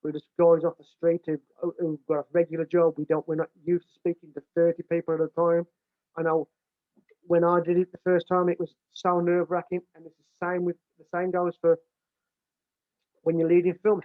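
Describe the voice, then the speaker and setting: Over a dry, tinny, phone-like line with no echo, a UK-born American football coach explains things casually. His big male voice is a little high, flat, and brisk, and he's plain-spoken, frequently restarting and repeating himself.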